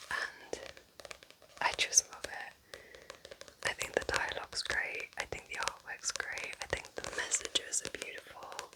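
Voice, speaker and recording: Book recommendations come in an unvoiced, breathy whisper from an ASMR creator with a gentle, casual, chatty manner, captured in a rough recording.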